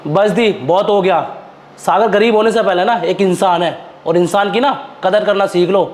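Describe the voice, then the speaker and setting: A steady husband who sternly sets his wife straight and tells her to respect others, played by a man. His voice runs high for a man. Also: moderate pace, natural voice. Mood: lecturing. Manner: firm, lecturing. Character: calm, firm husband. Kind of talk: amateur web drama acting.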